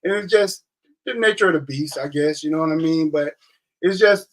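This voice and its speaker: A man hosting a channel chat rambles along with constant "you know what I'm saying" tags. His voice sits somewhat high for a man. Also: normal speed. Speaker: channel host. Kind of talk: casual chat.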